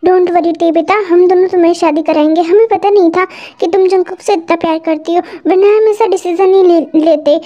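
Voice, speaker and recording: A woman voicing a remorseful mother who apologizes slowly and soothes gently in a fan storybook reading. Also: extremely high pitch, steady tone, lo-fi sound. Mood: apologetic.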